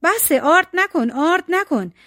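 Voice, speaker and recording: A woman voicing a greedy, pushy rich brother in a storybook tale, insistent and wheedling, her voice high and lively. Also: dry recording, clean studio sound. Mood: panicked.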